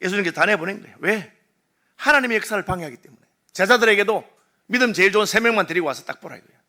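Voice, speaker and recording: A man preaching a Sunday sermon as pastor, telling a Bible story and out the wailing crowd in lively voices. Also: sits high, racing. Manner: animated storytelling, acting out crowd and mourners. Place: church sanctuary.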